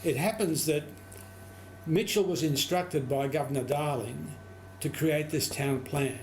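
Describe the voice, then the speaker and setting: A man's voice: fairly high pitch, measured pace, darkish tone, a little hiss or hum. A man explaining historical detail in a lecturing conversational way. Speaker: guest researcher.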